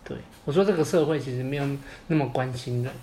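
A man's voice: medium pitch, dark tone, slight background noise. A man with a Taiwanese Mandarin accent, co-hosting a podcast and agreeing readily in a casual chat. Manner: quick, agreeable, lots of "yeah yeah". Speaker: podcast co-host, dating coach.

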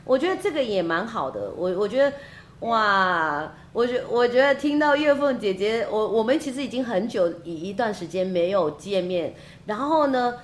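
Lively-pitched woman podcast host. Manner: halting, repeats words as she searches. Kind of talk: casual interview chat.

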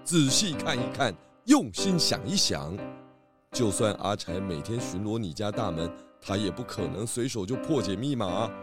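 Over music, a man with a lowish, very animated voice plays a shrewd, confident pig detective in a children's radio play. He explains his deductions deliberately and theatrically, in a gently lecturing way.

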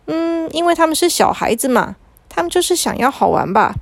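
A woman's voice: sits high, big pitch swings, fairly quick, vocal fry, no echo, pitched above the performer's own voice, exaggerated voice. A woman voicing a kindly male magician in a children's story, easygoing and reassuring. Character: kindly male magician in cloak and tall hat.

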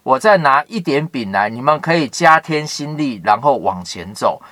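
A man's voice: medium pitch, sing-song, moderate pace, pushed and bright, no echo. A man voicing an eager, generous old male patriarch who earnestly pleads, read from a Bible story.

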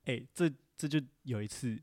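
A man's voice: medium pitch, normal speed, a little mellow, no room sound, studio quality. A young man from Taiwan, telling stories in casual podcast chat, laughing often and acting out quoted voices. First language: Hindi. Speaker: podcast co-host.

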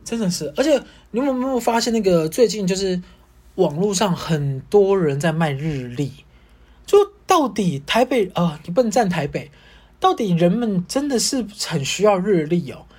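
A young woman hosting a casual solo podcast, ranting in an animated, self-mocking way. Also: lowish voice, normal speed, husky. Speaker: podcast host.

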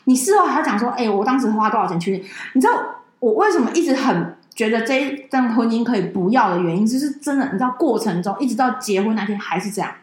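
A woman, co-hosting a podcast and telling a story in an animated, indignant way, swearing now and then. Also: fairly high pitch, fast talker, hardly any pauses, echoey room. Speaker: podcast co-host. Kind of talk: casual chat, personal storytelling.

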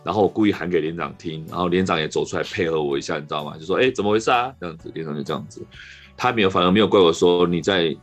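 A man with a Taiwanese Mandarin accent hosting a podcast, telling a rambling, animated story in casual chat. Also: deep voice, very fast, soft background music. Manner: rambling, animated anecdote with restarts. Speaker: podcast host.

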